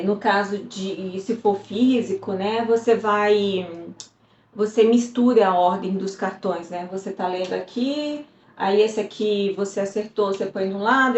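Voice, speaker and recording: A woman's voice: mid-range voice, darkish tone, echoey room, highs cut off, slight background noise. A woman, explaining in a casual teaching video with frequent check-ins. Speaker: Hebrew teacher.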